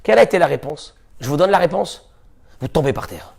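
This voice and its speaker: A man who is a rabbi, giving a lively sermon, with sudden shouts and low asides. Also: fairly quick, vocal fry, breathy edge. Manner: animated, shifts between shouting and muttering.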